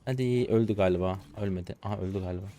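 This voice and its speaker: A hoarse man in his twenties giving slangy live commentary to viewers while he plays a game. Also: low voice, dark tone. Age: 20s. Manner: rapid slangy chatter to viewers. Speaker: gaming streamer.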